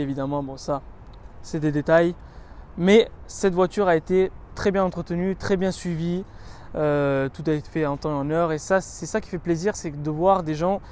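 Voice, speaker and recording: A man presenting a car in a casual walkaround, chatty and descriptive, running through features with lots of "so" and "uh" and stressing what excites him. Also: on the high side. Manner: chatty and descriptive, listing features with many connecting "donc"s and "euh"s. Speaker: car reviewer.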